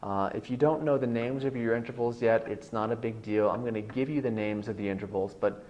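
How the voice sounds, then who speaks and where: The audio is dull as a bass-baritone man briskly walks through a guitar lesson online, rambling easily and leaning on fillers.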